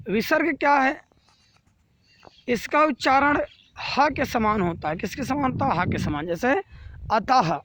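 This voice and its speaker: A man's voice: very high voice, fairly bright tone, slight background noise. A man teaching a grammar lesson to children, repeating each rule and then asking and answering his own questions. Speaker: Hindi teacher.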